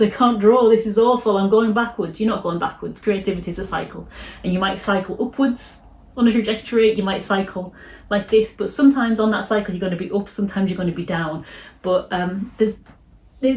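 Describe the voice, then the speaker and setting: Woman, illustrator vlogger, casual talk to camera, gentle, reassuring, mid pitch, roomy echo. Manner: gentle, reassuring, rambling with restarts.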